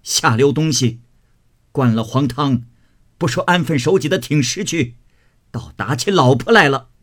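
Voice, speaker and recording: A man's voice: mid-range voice, a little slow, pitched above the performer's own voice, natural voice. Grandmother Jia, a man playing a stern old matriarch. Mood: scolding. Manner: scornful, scolding, commanding.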